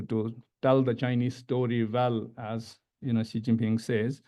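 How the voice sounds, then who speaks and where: Speaking at medium pitch with a dark tone, a middle-aged man with an Indian accent presents as an academic on a panel, delivering a semi-scripted lecture. He halts and repeats words as he emphasizes each new point, using a gooseneck table microphone in a medium-sized indoor conference room.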